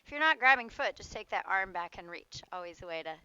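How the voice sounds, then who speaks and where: Female yoga instructor, casual and playful, cueing moves and breath in short phrases; crisp, bright voice, dry sound. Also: mid-range voice, lively intonation, fast, no room sound, dull audio. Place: outdoors.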